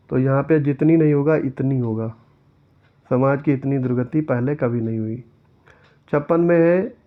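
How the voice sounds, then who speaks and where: A man teaching an exam-prep lesson who reads each question aloud and then corrects it step by step. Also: fairly high pitch. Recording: tinny phone-like sound.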